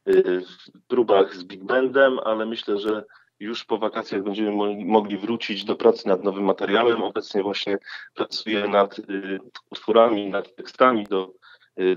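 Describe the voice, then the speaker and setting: Low-voiced male guest over a dull phone line. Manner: halting, with filler sounds. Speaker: lyricist guest. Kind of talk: phone interview.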